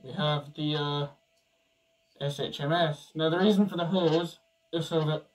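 A woman's voice: low voice, fairly even intonation, unhurried, darkish tone, distant mic. A woman casually reviewing a gas mask, her voice muffled through the mask she is wearing, talking in a rambling, offhand way. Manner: rambling, filler-heavy, offhand.

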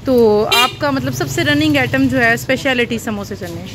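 A woman's voice: a little high, normal speed. A woman from Pakistan with a Punjabi Urdu accent, chatting casually as a food vlogger and questioning a shopkeeper. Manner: chatty, asks shopkeeper questions, says matlab often. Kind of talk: casual food vlog narration. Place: outdoors in a busy market street and small shop. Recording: phone audio with loud street noise.

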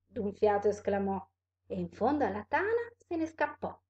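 A woman teacher reading a rhyming storybook aloud for children, in an expressive read-aloud manner, with a slightly dull recording. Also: mid-range voice, normal speed.

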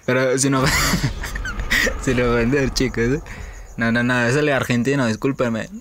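Excitable Mexican man commentating gameplay. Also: a little slow, noisy background. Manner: excitable, joking, laughs often, swears freely; jumps to sudden high-pitched yelps. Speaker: gaming YouTuber.

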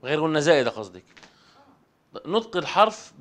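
A man teaching a Quran recitation class, asking the students quick questions in a conversational way. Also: a little high, very animated, fairly bright tone, slight background noise.

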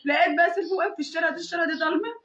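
Distressed, crying young Egyptian woman, high voice. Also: fairly even intonation, very fast, fairly bright tone. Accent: Egyptian Arabic. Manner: distressed, pleading, swearing oaths. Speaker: woman recounting an assault. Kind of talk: tearful testimony. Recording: echoey, muffled sound.

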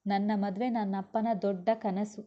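A woman's voice: mid-range voice, little pitch movement, moderate pace, close to an everyday voice. A woman voicing an earnest young woman who speaks tenderly about her father. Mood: heartfelt. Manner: heartfelt, tender. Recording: dull lo-fi recording.

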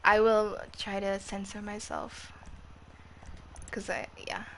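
A woman's voice: mid-range voice, monotone, slow pace, fairly bright tone, slight background noise. A woman in her twenties with a youthful, girlish voice, chatting casually with viewers on a live gaming stream and swearing freely. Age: 20s. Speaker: livestreamer.

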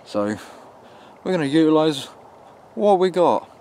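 A man's voice: a little high, big pitch swings, a little slow, dark tone, a little hiss or hum. A man in his twenties hosting a casual night exploring vlog, talking uneasily to his viewers on a handheld camera outdoors. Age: 20s. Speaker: vlog host. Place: outdoors in woods and open field at night. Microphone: camera mic, handheld.

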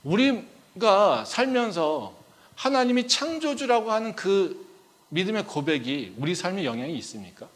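A man preaching a sermon as pastor, talking in a conversational way and acting out dialogue, swinging between loud pleas and quiet asides, often dropping in a short filler. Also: high voice, sing-song, unhurried. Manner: frequent filler "ye".

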